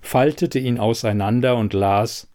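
A man reading a short story as audiobook narrator, in an even, measured manner. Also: mid-range voice. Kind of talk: scripted narration.

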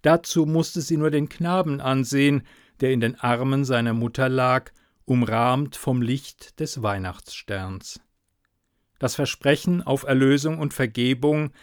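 A man narrating a story in a measured, softly dramatic way. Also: mid-range voice, no echo, studio quality.

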